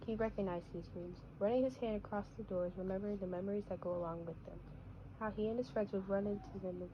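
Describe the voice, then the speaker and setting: A woman's voice: medium pitch, fairly even intonation, quick pace, background noise. A woman reading her own story aloud, stumbling and restarting phrases often. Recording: dull lo-fi recording.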